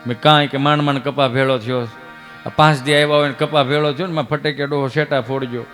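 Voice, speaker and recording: Faint music plays behind a man whose mid-range voice is fast, steady and fairly bright. He's a stand-up comedian telling Gujarati folk comedy stories live at a religious gathering, changing voices to act out the characters' dialogue.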